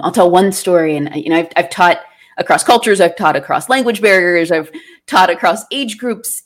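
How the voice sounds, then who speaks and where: A woman educator telling a story as a podcast guest, reflective and thoughtful, with halting restarts. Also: on the low side. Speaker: guest, academic director and educator.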